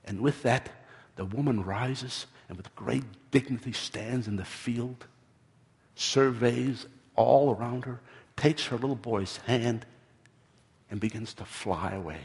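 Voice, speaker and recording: A man's voice: mid-range voice, fairly even intonation, creaky, darkish tone. Male pastor, sermon, impassioned, repeats words, long church reverb. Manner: impassioned, repeats words, slow emphatic phrases.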